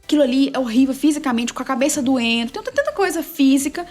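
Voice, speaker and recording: A woman sports journalist and narrator, a guest telling a story with quick, emphatic energy in a casual interview. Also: high-pitched, expressive, a little mellow, faint music behind.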